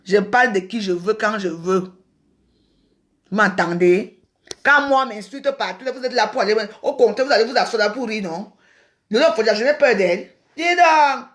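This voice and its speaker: A woman's voice: mid-range voice, moderate pace, fairly bright tone. A woman from Cameroon ranting on a livestream, scolding and mocking her rivals, often repeating herself. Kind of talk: heated livestream rant.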